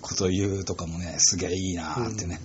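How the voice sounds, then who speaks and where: Brief: low-pitched man in casual chat, quick and lively delivery, lo-fi sound. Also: crowd noise. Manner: animated storyteller, acts out quotes. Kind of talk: casual chat about a TV drama.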